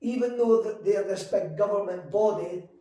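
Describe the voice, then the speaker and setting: A man in his forties telling his story in an interview, animated and acting out quoted conversations. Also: high voice, moderate pace. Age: 40s. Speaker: guest entrepreneur. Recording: echoey room, mic at a distance.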